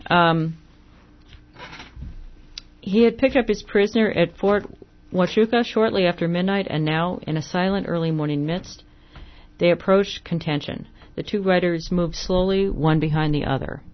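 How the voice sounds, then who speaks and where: A reader narrating a western short story aloud in a steady, measured way. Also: mid-range voice, muffled recording.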